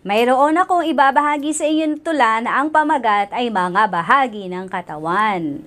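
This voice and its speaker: A woman's voice: fairly high pitch, animated, normal speed, a bit bright. A woman teacher leading a children's lesson in an exaggerated, sing-song and encouraging way.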